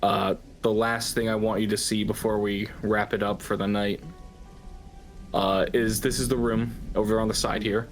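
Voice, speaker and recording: A man narrating a tabletop game as dungeon master in a relaxed, chatty way. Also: on the low side, normal speed, faint music behind, poor audio.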